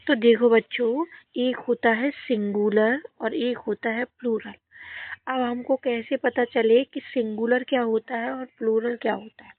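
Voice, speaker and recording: A woman's voice: fairly high pitch, steady tone, a little slow, dry recording. A woman teaching a children's English grammar lesson, asking questions and answering them herself, repeating the key words. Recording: dry, phone-like audio.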